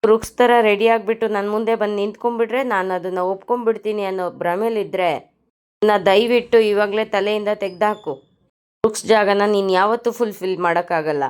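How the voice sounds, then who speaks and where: A woman's voice: mid-range voice, fairly even intonation, moderate pace, clear, resonant tone, lightly acted. A woman voicing a furious young man, harsh and accusing. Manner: harsh, accusing, shouting insults.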